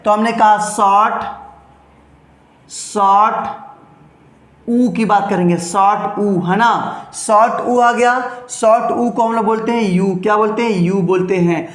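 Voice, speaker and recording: A male teacher giving an English grammar lesson in Hindi, who asks himself questions, keeps repeating "understand", and stretches words slowly to show their sounds. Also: high-pitched, fairly even intonation. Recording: roomy, echoey room.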